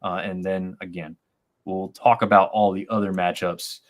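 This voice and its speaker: A man's voice: deep voice, moderate pace. Rambling male sports talk co-host. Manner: rambling, animated, many restarts. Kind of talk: casual sports talk on a live stream. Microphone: remote video-call stream.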